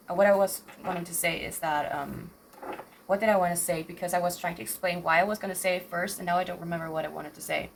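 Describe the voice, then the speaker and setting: A woman in her twenties gives a tarot reading in a low, gravelly, slightly raspy voice. She rambles hesitantly, filling gaps with ums and cutting herself off mid-sentence, with a faint noise under the recording.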